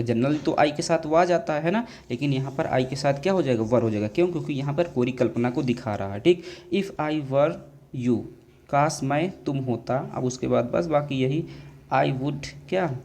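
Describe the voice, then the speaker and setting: A man teaching an exam grammar lesson, constantly asking questions and answering them himself, calling his students dear children and drawing out English words slowly. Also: mid-range voice, a little mellow.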